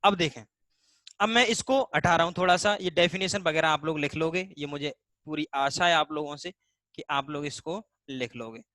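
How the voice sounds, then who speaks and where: A man's voice: on the high side, normal speed, sharp tone, no room sound. A man teaching a live online Hindi class, explaining step by step, voicing students' questions himself and stretching vowel sounds to demonstrate them.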